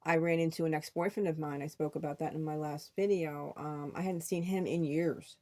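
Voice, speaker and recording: A woman's voice: low voice, steady tone, a little fast, mellow. A middle-aged woman telling a personal story in a rambling vlog monologue, repeating words and acting out what friends said. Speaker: vlogger.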